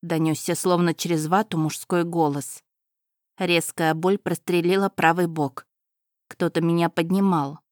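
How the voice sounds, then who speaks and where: Lower-voiced woman reading an audiobook. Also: fairly even intonation, measured pace, darkish tone, no room sound, studio quality. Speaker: audiobook narrator. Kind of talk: first-person scripted audiobook narration.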